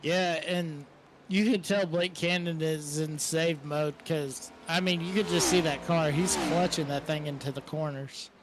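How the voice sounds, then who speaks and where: A man's voice: a little high, steady tone, a little slow, background noise. A man giving casual color commentary on a sim race, chuckling and using lots of fillers.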